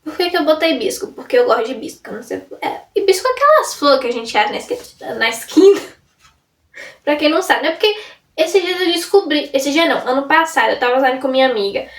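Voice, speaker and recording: A woman's voice: high-pitched, animated, brisk. A young woman vlogging in a casual, rambling way, often breaking off and restarting her sentences. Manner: rambling, self-interrupting, chatty. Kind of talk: casual chat to camera. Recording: roomy sound from a distance off the mic.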